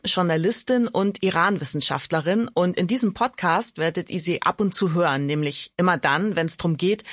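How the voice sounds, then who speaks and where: A woman hosting a podcast, narrating a documentary story in a calm, measured way. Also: on the low side, husky, no echo, clean studio sound.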